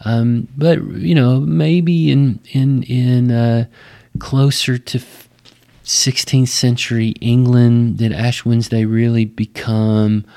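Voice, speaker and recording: A man with a West Texas twang, explaining things conversationally and thoughtfully like a pastor, often pausing mid-phrase. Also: medium pitch, flat delivery, vocal fry, warm tone. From West Texas, United States. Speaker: Baptist pastor.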